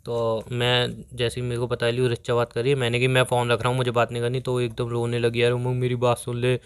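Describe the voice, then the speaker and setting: A man's voice: mid-range voice, monotone, fast, clean tone. A young man on a phone call, rambling defensively and pleading to be heard in a scripted comic argument. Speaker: boyfriend on a call.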